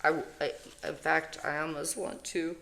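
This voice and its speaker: Woman tarot reader, low voice, rambling emotional vlog chat full of restarts. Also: flat delivery, vocal fry, fairly bright tone. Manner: rambling, emotional, self-interrupting; reads card text aloud slowly. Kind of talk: casual spiritual vlog chat.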